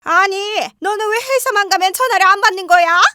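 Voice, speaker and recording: A woman's voice: extremely high pitch, a little fast, sharp tone. A woman voicing a nagging, scheming middle-aged mother-in-law who scolds with contempt and sighs. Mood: pushy. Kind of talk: dramatized story narration.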